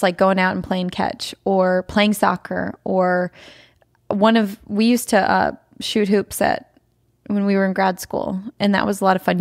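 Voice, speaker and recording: Chatty young woman with a gravelly voice. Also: medium pitch, no echo, studio quality. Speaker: podcast guest, host's wife. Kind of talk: casual conversational storytelling.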